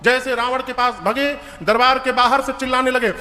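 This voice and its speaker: A man telling a devotional story as a sermon, lively and humorous, chanting verses now and then. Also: extremely high pitch, moderate pace. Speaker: storyteller preacher. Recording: reverberant hall with faint music.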